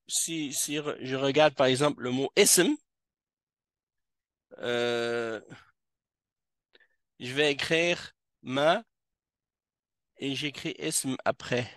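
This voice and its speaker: A man teaching Arabic grammar to a class, explaining slowly with frequent hesitations. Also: mid-range voice, fairly bright tone, no room sound, clean studio sound. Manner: slow, hesitant explaining with many fillers. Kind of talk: classroom lesson. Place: mosque classroom.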